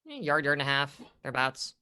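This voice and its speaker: A man's voice: mid-range voice, flat delivery, quick pace, bright, forceful tone, slight background noise. A man working as game master, narrating casually and improvising vivid descriptions.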